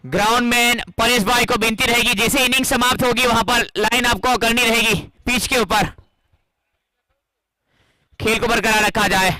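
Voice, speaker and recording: An Indian man calls a cricket match as an excited live commentator. His voice is high and strikingly forceful, with a dry, close sound. He is dramatic and emphatic. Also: normal speed, dry recording, low-quality recording. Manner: dramatic, emphatic, rising into exclamation at key moments.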